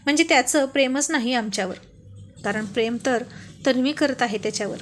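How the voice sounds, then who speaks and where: A woman storyteller narrating a serial love story in an expressive, chatty manner. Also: high-pitched, a little fast, slight background noise.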